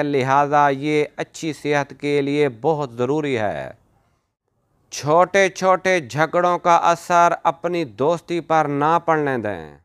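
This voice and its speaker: A man narrating a script of motivational sayings in a measured, declarative way. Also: a little high, a bit bright, clean tone. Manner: measured, declarative delivery of short maxims.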